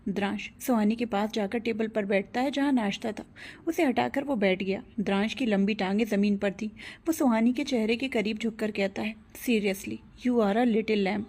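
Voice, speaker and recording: A woman narrating a romance audio serial in a steady storytelling manner, voicing every character herself. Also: on the high side, brisk, breathy edge.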